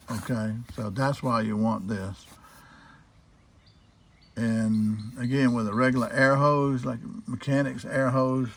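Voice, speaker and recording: A hobbyist with a medium-pitched voice demonstrates old radio restoration in a casual, unscripted, hands-on way. He is folksy, circles back over his points, checks in with the viewer, and asks and answers his own questions.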